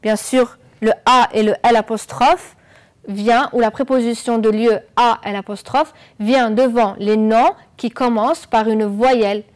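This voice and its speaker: A woman teaching French on an educational channel, explaining slowly and clearly and asking the viewers questions. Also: fairly high pitch, fairly even intonation, darkish tone. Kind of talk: televised classroom lesson.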